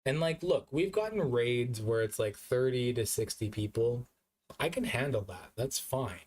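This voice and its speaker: A man's voice: medium pitch, lively intonation, a little slow, a little mellow. A drunk man streaming live, rambling and repeating himself as he chats casually with his viewers.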